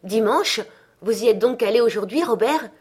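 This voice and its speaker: A woman doing a grieving mother, gently brave. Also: mid-range voice, normal speed, pitched above the performer's own voice, lightly acted. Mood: tender, grieving. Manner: steady voice with a thin cheerfulness.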